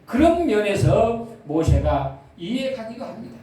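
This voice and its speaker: A man's voice: high-pitched, big pitch swings, unhurried, warm tone. A male pastor preaching a sermon, asking the congregation questions as he goes. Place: church sanctuary. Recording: echoey church sound from far off.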